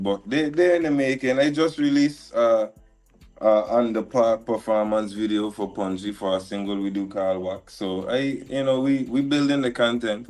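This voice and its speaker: Laid-back man. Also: on the low side. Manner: relaxed, halting, lots of restarts and slang. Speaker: producer and guest. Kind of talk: casual interview chat. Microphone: live stream call.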